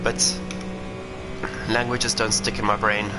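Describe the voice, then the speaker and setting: Slow and flat, this fairly low male voice belongs to a South African racing driver giving live commentary while he streams a sim racer. Racing game car sounds and engine noise sit under his speech.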